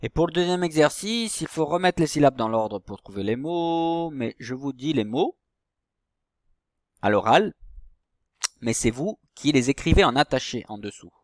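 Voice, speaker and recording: Man, primary teacher, slow patient delivery, drawn-out syllables, dry close sound. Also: on the high side, lively intonation, no echo. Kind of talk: recorded reading lesson for young children.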